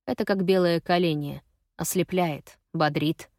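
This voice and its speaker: A woman's voice: lowish voice, fairly even intonation, a little slow, darkish tone, dry recording, studio quality. A woman voicing a worried middle-aged man, hesitant and sighing, who breaks into panicked swearing. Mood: thoughtful.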